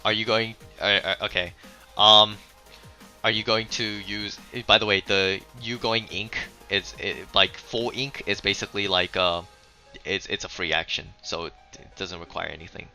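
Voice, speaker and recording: A man's voice: lowish voice, steady tone, normal speed, pushed and bright, faint music behind. A man narrating as game master of a tabletop game, often stumbling and repeating words.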